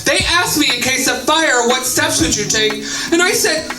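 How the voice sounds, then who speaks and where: A woman's voice: sits high, lively intonation, moderate pace. A woman performing stand-up comedy, delivering jokes to a room. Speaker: open-mic comedian. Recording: echoey room, loud music over it.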